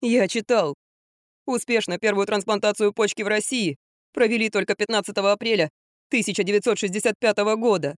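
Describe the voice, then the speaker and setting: A woman's voice: mid-range voice, fairly quick, dry recording, close to an everyday voice. A weak, frightened young man in an audiobook, as a woman narrator voices him, timid and whimpering. The sound is dry and close. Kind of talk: audiobook character voice.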